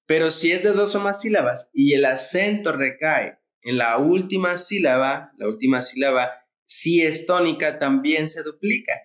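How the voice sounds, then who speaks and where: A man's voice: on the high side, moderate pace, hardly any pauses, a bit bright. Man teaching grammar, spelling letters out. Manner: spells out letters, repeats key points. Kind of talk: explaining grammar rules.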